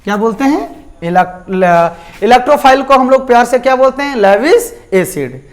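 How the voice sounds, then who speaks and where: With a very high voice and lively intonation, a man teaches chemistry at a moderate pace. His accent is Jharkhand Hindi, and throughout the lecture he checks in with students and responds to his own questions.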